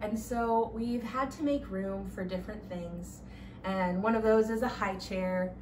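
In a casual home tour vlog, a young pregnant stay-at-home mom walks room to room through her small home's kitchen, nursery and bathroom, upbeat and chatty. Her medium-pitched, darkish voice is a little slow, recorded by a camera a few steps back, sounding roomy and slightly distant with faint ambience and a little hiss or hum.

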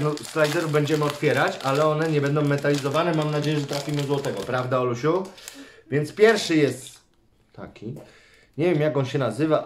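Dad talking to camera while opening toys with his kid, chatty, teases him, reads bits out loud. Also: fairly high pitch, slight background noise. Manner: chatty, reads the comic aloud, teasingly scolds the child. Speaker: father and channel host. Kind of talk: casual toy unboxing chat with his son.

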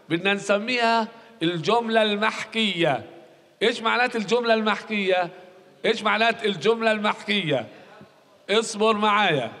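A man's voice: sits high, a bit bright, long reverb tail. A male university lecturer with a Palestinian Arabic accent, teaching grammar in a recorded classroom lecture, repeating key rules and quizzing his students.

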